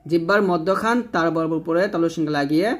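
A man, teaching Quran reading slowly, drawing out each letter name and then explaining how it is said. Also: fairly high pitch, fairly even intonation. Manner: drawn-out letter names, then plain explaining. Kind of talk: slow step-by-step recitation lesson.

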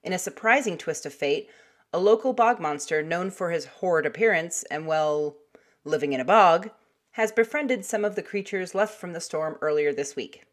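A brash, foul-mouthed puppet co-host trading sarcastic jabs, voiced by a woman. Her voice sits fairly low for a woman, with a cheeky bite. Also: expressive, moderate pace, lightly acted. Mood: sassy. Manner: brash, sarcastic, swears freely.

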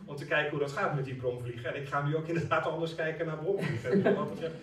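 A man on a jury giving spoken feedback to a contestant, quick and hesitant with fillers. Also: fairly high pitch, fairly even intonation. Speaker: jury member. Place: cultural center hall. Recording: echoey hall, mic far off.

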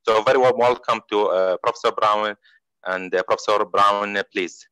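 Hesitant, sharp-voiced host reading an introduction. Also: male voice, fairly low pitch, steady tone, clear, resonant tone, no echo, rough recording. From Iraq. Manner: hesitant, many pauses and fillers. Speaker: event host introducing speaker.

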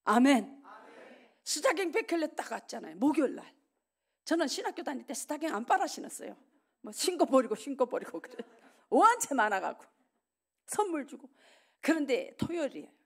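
Her voice is husky and a little high as this middle-aged woman preaches a testimony sermon in a church sanctuary. She recounts her story vividly, acting out conversations and laughing a lot along the way.

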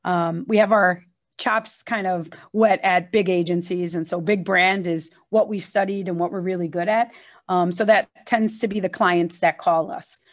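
A woman's voice: on the low side, steady tone, moderate pace. A woman agency executive wrapping up a webinar Q&A in a friendly, businesslike way, with frequent filler words, speaking from a room with a production crew. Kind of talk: casual presentation Q&A.

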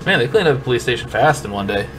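A man's voice: medium pitch, animated, racing, noisy background. Laid-back man explaining a game. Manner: laid-back, explains the game's story and hints. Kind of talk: casual let's play banter.

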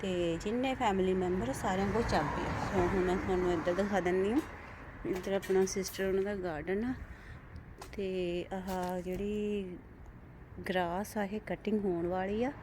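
A woman's voice: mid-range voice, fairly even intonation, moderate pace. Chatty Punjabi woman vlogging outdoors. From India. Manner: chatty, repeats phrases, addresses viewers directly. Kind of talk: casual walking vlog. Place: outdoors on a neighbourhood street. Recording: outdoor recording with clear street noise.

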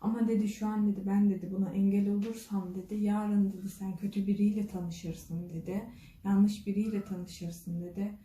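Echoey, dark-voiced woman telling a story. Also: medium pitch, fairly even intonation, brisk, hardly any pauses. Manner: retells dialogue with frequent "dedi" and "dedim". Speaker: vlogger. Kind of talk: casual storytelling. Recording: echoey room, voice from a distance.

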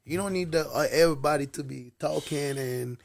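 A man's voice: a little high, fairly quick, creaky, slight background noise. A man from Venezuela, a guest on a casual podcast, who talks with lots of stammered restarts and gets defensive when teased. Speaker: podcast guest, party promoter. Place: small studio with red couches. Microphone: desk mic on boom arm.

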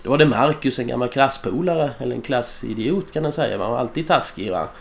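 A man's voice: medium pitch, vocal fry. A man delivering a crude, rambling, absurd comic monologue, tagging his lines with a filler word.

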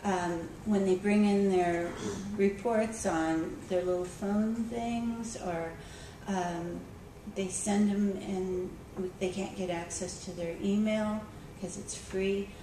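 A woman's voice: medium pitch, steady tone, takes it slowly, few pauses. Woman speaking in an echoey hall. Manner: conversational, with frequent ums and restarts. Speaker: school librarian speaking at a conference. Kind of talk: conference talk, storytelling. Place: conference room. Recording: echoey hall, recorded from far off with background noise.

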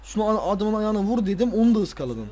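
A tired man playing a football video game, casually commenting, swearing and ranting at the players with excitable outbursts. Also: sits high, fast. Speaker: gaming video creator.

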